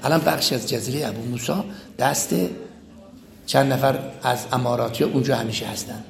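A man's voice: fairly high pitch, gravelly, echoey room. A man giving a political sermon, stressing his points by repeating phrases and acting out the people he quotes. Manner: acts out quoted speakers in animated bursts.

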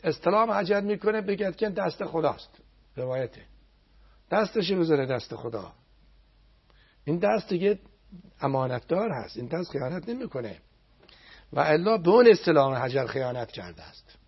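A man giving a televised religious talk, speaking emphatically and chanting prayers slowly with repetition. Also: fairly high pitch, big pitch swings, breathy edge, dull audio.

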